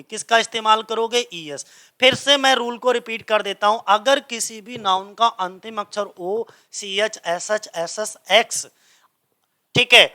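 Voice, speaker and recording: A high-pitched male teacher, explaining grammar rules to a class. His voice is bright and clear, and he keeps putting a question to the room and answering it himself. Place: coaching centre classroom.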